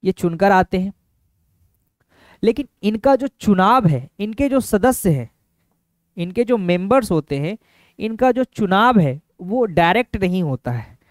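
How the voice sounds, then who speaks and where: A male teacher running an exam-prep video lesson with a smooth, clear voice. He keeps circling back to each point and fires rhetorical questions at his viewers. The sound is dry and close. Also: high voice, expressive, unhurried, no echo. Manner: repeats points and asks the class rhetorical questions; calls viewers friends.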